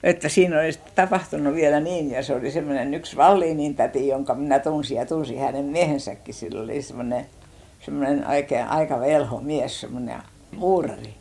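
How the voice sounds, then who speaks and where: This older Finnish woman's low voice is creaky and mellow with a breathy edge as she recounts growing up, oral-history style. Her pace is unhurried, broken by pauses to hunt for words and frequent sentence restarts.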